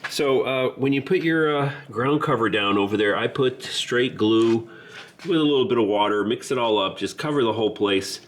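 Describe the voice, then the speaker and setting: Working on his home train layout, a hobbyist host chats and wanders off topic, using plenty of fillers. He's a Southern California man with a flu-congested, mid-range voice at a moderate pace.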